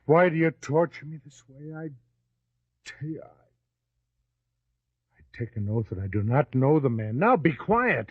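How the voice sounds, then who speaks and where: An actor playing the apostle Peter, a big, strong man who gruffly denies knowing his master in a vintage radio drama. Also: a little high, very animated, a little slow, long pauses, no room sound, exaggerated voice. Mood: anguished. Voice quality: husky, gruff and defensive. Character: anguished fisherman Peter denying his master. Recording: thin, tinny old radio recording.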